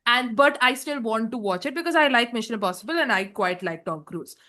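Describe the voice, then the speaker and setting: A woman with a fairly high voice talks casually about movies on a podcast panel. She explains her views in a reflective way. Laughter comes into her talk often. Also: expressive, fairly quick, a loud crowd. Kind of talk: casual film discussion.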